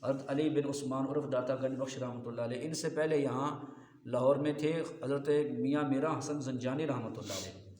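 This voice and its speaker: A man's voice: medium pitch, a little mellow. A man giving a sermon as an Islamic preacher, in a rhetorical manner, often asking his listeners whether they follow. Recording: echoey hall reverb.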